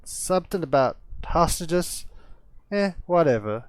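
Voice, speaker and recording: A man voicing a manic young male Australian demolitionist, wild and excitable, with an attempted Australian twang. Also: a little high, unhurried, no room sound.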